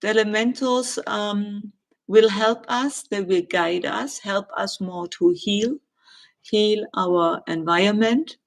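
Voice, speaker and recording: A middle-aged woman with a German accent, answering viewer questions in a live chat and pausing often with ums and uhs. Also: mid-range voice. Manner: hesitant, many ums and uhs, gentle.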